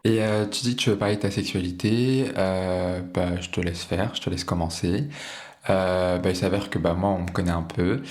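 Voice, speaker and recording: Low-voiced male podcast host. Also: fairly even intonation, a little mellow. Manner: smooth when reading, halting with fillers when asking. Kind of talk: scripted intro, then casual interview.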